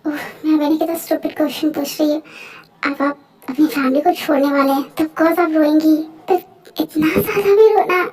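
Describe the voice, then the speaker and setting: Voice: high-pitched, fairly even intonation, fairly quick, darkish tone, close to an everyday voice. A dubber voicing a spirited young woman wedding planner in a fan dub, mixing English phrases into Hindi. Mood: gentle.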